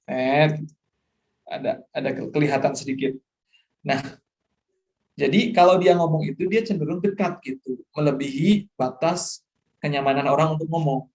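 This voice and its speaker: A man's voice: fairly high pitch, moderate pace, long pauses, a little mellow. A middle-aged male lecturer, explaining course material and often checking that students follow, mixing English terms into his talk. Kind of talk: online lecture.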